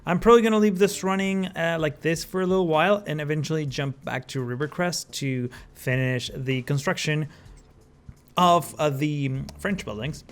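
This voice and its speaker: A man's voice: a little high, normal speed, clear, resonant tone, soft background music. A man giving casual gameplay commentary as the host of his channel, rambling with many fillers and self-corrections.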